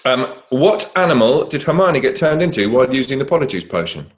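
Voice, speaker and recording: A man's voice: mid-range voice, very animated, brisk. A middle-aged man co-hosting a quiz, reading questions and telling backstage stories. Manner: reads questions cheerfully, chatty and anecdotal. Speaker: quiz co-host.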